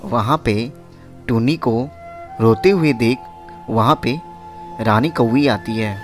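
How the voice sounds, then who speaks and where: A woman narrating a children's cartoon story slowly, phrase by phrase. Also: extremely low pitch, soft background music. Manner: slow, phrase-by-phrase telling.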